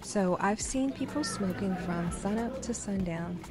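A woman's voice: mid-range voice, a little slow, over loud music. A woman narrating a travel vlog voice-over in a chatty, informal way. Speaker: travel vlogger.

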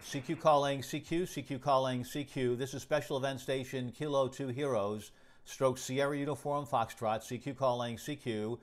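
A man's voice: medium pitch, fairly even intonation. Man making ham radio CQ calls. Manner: repetitive, measured on-air calling. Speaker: amateur radio operator. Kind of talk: ham radio CQ calling in phonetic alphabet.

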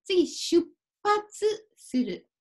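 High-voiced woman teaching kanji slowly. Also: very animated, a little mellow. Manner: slow, careful, mixes English explanations; apologizes and laughs at her own typo. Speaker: Japanese teacher. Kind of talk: kanji reading lesson.

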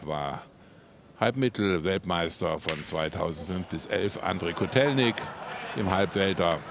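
A man giving live boxing commentary for television in measured short phrases with pauses between them. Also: sits low. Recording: loud arena crowd and noise. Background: crowd and arena noise.

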